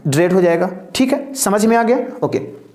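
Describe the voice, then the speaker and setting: A man with a rather high voice teaches a vocabulary lesson, addressing his listeners as "dear". He repeats each point, asks questions and answers them himself, and drills words call-and-response style. The sound carries a noticeable room echo. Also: expressive, moderate pace, darkish tone. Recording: echoey room.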